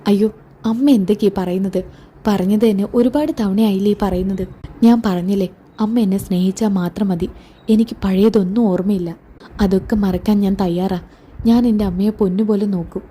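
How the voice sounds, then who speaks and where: A woman's voice: medium pitch, fairly even intonation, a little fast, warm tone, husky, close to an everyday voice. A woman voicing a devoted young daughter-in-law who speaks earnestly. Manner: earnest, reassuring.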